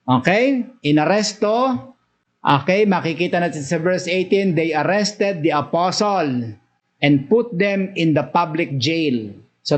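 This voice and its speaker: A man with a Filipino accent preaching a Bible study sermon, switching between Tagalog and English, reading verses aloud and then explaining them with rising, emphatic bursts. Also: on the high side.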